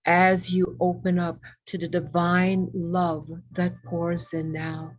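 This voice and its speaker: A woman guides an ASMR-tinged meditation, speaking reverently in short, measured phrases separated by pauses. Her voice is fairly low and her delivery flat.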